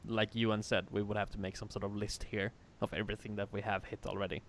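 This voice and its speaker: A man's voice: fairly low pitch, flat delivery, fast, slight background noise. A man teaching a live coding lesson in a casual way, laughing and swearing freely. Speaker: programming teacher.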